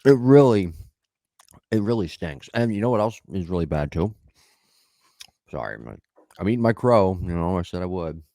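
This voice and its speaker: A man's voice: sits low, lively intonation, normal speed, creaky, long pauses, mellow, no room sound, studio quality. A middle-aged man co-hosting a podcast, bantering and joking crudely. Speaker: podcast co-host. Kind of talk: casual podcast chat.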